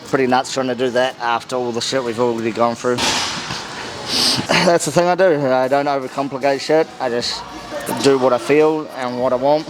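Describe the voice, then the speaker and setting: A man with a gravelly voice talking bluntly and with plenty of swearing in a casual gym vlog between heavy lifts as he is lifting weights. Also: mid-range voice, steady tone, normal speed, loud music behind the voice, rough recording. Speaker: strength vlogger.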